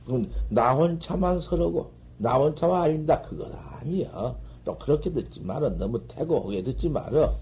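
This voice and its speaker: An older man giving a Buddhist dharma lecture on koans, scolding and animated, swinging from loud outbursts to murmurs, on an old 1970s tape. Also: medium pitch, moderate pace, few pauses, low-quality recording. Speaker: Zen master giving a dharma talk.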